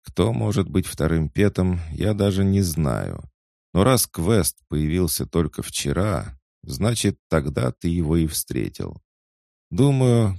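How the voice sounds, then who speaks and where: A man voicing a mocking male cat tsar who teases and gives playful advice in a raised, lively voice. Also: deep voice, gravelly, no room sound, studio quality, pitched above the performer's own voice, exaggerated voice. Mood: advising. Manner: teasing, sing-song and lively.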